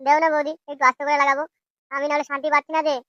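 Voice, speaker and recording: Man doing a high, sly cartoon sidekick. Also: monotone, pushed and bright, dry recording, dull audio. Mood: wheedling. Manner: fast, wheedling. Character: sly young male friend, wheedling cartoon sidekick. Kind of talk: comic cartoon dub.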